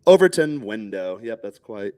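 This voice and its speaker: A man in his thirties from Texas, telling stories in a casual podcast chat, animated and swearing freely, acting out other people's lines in raised voices. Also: fairly low pitch, moderate pace, no echo.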